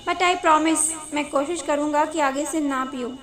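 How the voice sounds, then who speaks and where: A playful young man in love, pleading and teasing with a boyish manner, as a woman narrator puts him on. The voice sits very high. It is read like a storybook. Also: fairly even intonation, a little slow, fairly bright tone. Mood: tender.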